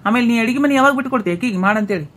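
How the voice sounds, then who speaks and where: Man playing a cartoon old husband, hungry and short-tempered, North Karnataka Kannada accent, very fast, bossy. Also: very high voice, animated, fairly bright tone, slight background noise. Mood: impatient. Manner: bossy, impatient ordering. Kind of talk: comic cartoon voice acting.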